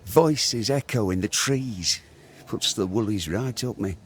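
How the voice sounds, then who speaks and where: A man acting a superstitious, plaintive rustic farmer in a video game, with a husky, colloquial delivery. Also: fairly low pitch, measured pace, a little hiss or hum, close to an everyday voice. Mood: worried, pleading.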